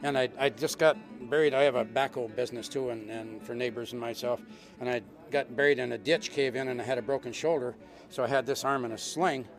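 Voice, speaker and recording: A man's voice: mid-range voice, steady tone, brisk, music in the background. A middle-aged man from western North Dakota, a cattle rancher, telling an unscripted anecdote in a folksy, repetitive way. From western North Dakota, United States. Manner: folksy, repeats phrases as he goes.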